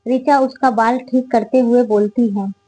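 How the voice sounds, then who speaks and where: A woman narrating a dramatic story in a steady, scripted reading. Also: a little high, measured pace, low-quality recording.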